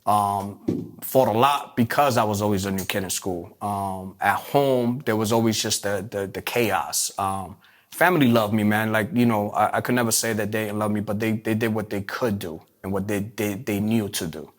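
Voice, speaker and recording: A man's voice: lowish voice, steady tone. A man from Puerto Rico, telling his life story in an interview with many fillers and restarts. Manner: halting, many restarts and fillers, streetwise phrasing. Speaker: interview guest.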